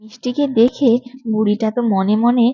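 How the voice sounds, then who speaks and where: A woman narrating a spooky storybook tale in a lively storytelling way. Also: a little high, normal speed. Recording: muffled, with background music.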